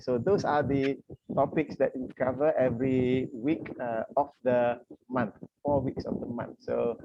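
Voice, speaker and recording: A man's voice: mid-range voice, vocal fry, dark tone, slight background noise. Polite male coach on a muffled video call. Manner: frequent "uh" fillers and restarts, courteous. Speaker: coach hosting an online session. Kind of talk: welcoming, explanatory talk with fillers. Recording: dull lo-fi video call audio.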